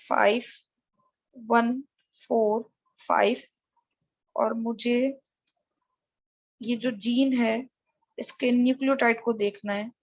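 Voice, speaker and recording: A woman with a high voice walks through a tutorial lecture, explaining each step to her viewers. Her voice is close and dry, with a dull, lo-fi quality to the recording. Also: no room sound.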